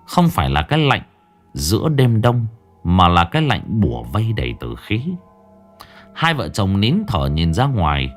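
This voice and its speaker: A man narrating a scripted horror story, dramatic and hushed at tense moments. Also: sits low, sing-song, normal speed, soft background music.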